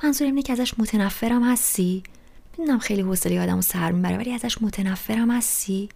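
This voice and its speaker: A woman voicing a restless teenage boy who rants loudly about everything in an audiobook reading. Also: mid-range voice, creaky. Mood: exasperated. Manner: loud, rushed, ranting complaints.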